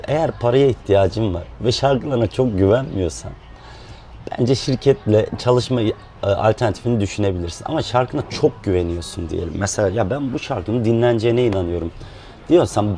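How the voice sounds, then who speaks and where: A man speaking in a relaxed, explanatory way, with fillers, as a musician guest in a casual chat. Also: lowish voice, a little hiss or hum.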